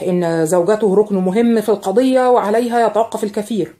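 This is a shrewd older male barrister, voiced by a woman reading an audiobook. He reasons aloud at a measured pace, turning the case over point by point. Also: mid-range voice, warm tone, natural voice. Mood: musing.

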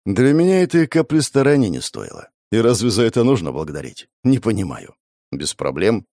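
A man telling a first-person audiobook story in a low voice with plenty of rise and fall. His tone stays dry and wry, grumbling at what happens to him. The recording is close and dead, with no room sound. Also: sing-song, brisk, dark tone, no room sound. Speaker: audiobook narrator.

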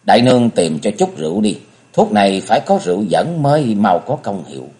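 A man's voice: lowish voice, huge pitch swings, brisk, vocal fry, warm tone, heavily acted. A man voicing a firm, earnest young woman in a storybook reading, close to his own voice. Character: resolute young woman healer.

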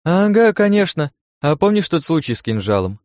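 A man's voice: medium pitch, fast talker, darkish tone, dry recording, studio quality, pitched above the performer's own voice, close to an everyday voice. A man voicing a seasoned, envious young woman warrior who grumbles and teases in an audiobook. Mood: teasing. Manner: teasing, grumbling, blunt. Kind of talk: audiobook character voice.

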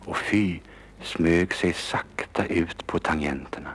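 A man reading a children's story aloud, lively and expressive, sometimes dropping to a whisper. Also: sits low, a little hiss or hum. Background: instrumental music.

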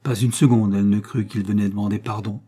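Husky, mellow male storyteller. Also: lowish voice, steady tone, fast. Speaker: reader. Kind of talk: scripted narration of a literary tale.

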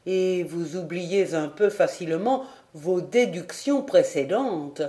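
A skeptical, dry-witted army major from an old adventure novel, doubting each claim in a slow, measured way, as a woman reading the audiobook puts him on. Her tone stays soft and mellow. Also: fairly low pitch.

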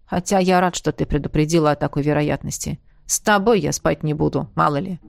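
A blunt young male mage teases and mocks in a lowered, sardonic voice, as a woman reads him. His lines come from an audiobook reading, close and dry with no room sound. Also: brisk, vocal fry, no room sound. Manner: sardonic, teasing.

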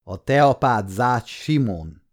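A man's voice: medium pitch, animated, darkish tone, natural voice. A man doing a stern young soldier. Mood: questioning.

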